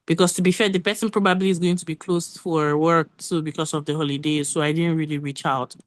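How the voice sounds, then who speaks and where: Meeting lead, woman, lower voice, quick run-on delivery, dry video-call audio. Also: steady tone, no room sound. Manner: quick, run-on talk with restarts. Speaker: working group meeting lead. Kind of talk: casual meeting update.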